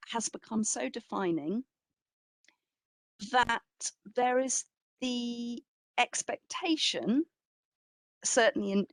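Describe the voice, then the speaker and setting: The recording is dry, and the woman's voice sits a little high. She responds as an exhibition curator would at a history talk: casually and reflectively, with conversational stress and many hedges.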